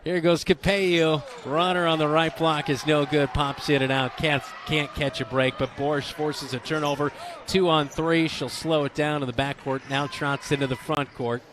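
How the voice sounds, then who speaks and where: A man doing play-by-play commentary on a high school basketball game, brisk and excitable, with joking banter. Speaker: play-by-play announcer. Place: high school gym broadcast. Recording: broadcast with loud gym noise behind.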